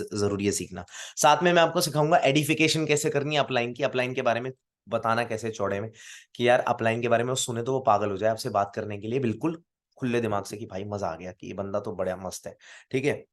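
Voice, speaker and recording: Animated male sales trainer. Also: mid-range voice. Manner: animated storytelling, acts out both sides of dialogues; mixes English words into Hindi. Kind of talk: training session talk.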